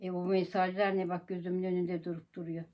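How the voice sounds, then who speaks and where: A woman's voice: on the low side, level tone, fast talker, highs cut off. A chatty woman in her seventies, a grandmother talking casually and colloquially. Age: 70s. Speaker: grandmother making prank calls. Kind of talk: casual chat and prank calling.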